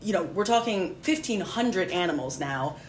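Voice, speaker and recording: A woman with a fairly low voice explains biology as a podcast guest, dropping in dry sarcasm between her fillers. The sound carries a roomy echo with faint noise behind. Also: animated, normal speed. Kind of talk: casual explanatory interview.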